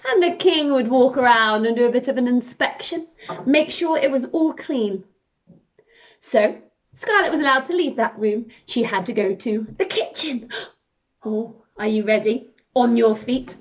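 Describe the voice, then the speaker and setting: With a high voice and a moderate pace, a woman in character as a princess entertainer guides young children through an interactive story. She engages them directly, animated and full of encouragement.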